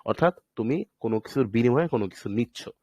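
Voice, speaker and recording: A man's voice: medium pitch, expressive, fast, background noise. Man teaching a live online class. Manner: explains patiently with repeated questions and answers; mixes English phrases into his talk. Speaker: trading course instructor.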